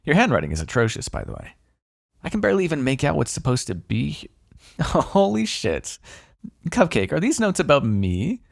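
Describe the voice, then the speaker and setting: A man plays a smug, teasing male vampire in an intimate ASMR roleplay monologue, heavily acted with no room sound. His very animated pitch has a creaky low edge, and at a moderate pace he sounds smug and amused, sardonic and conversational, wry and secretly, grudgingly fond, with sighs and swearing.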